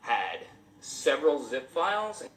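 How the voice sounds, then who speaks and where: A man's voice: on the high side, big pitch swings, measured pace, fairly bright tone, echoey room, distant mic, slight background noise. A man being interviewed as a complainant, speaking assertively and questioning details, picked up by a tape recorder in a room. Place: indoor room.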